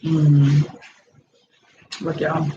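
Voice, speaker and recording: A woman chats casually through a mukbang livestream, humming and savoring between bites. Her voice comes through a phone into an echoey room with a dull, muffled tone. A clear background hiss sits under everything. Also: deep voice, drawn-out words. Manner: relaxed, savoring food with frequent hums. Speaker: livestream host.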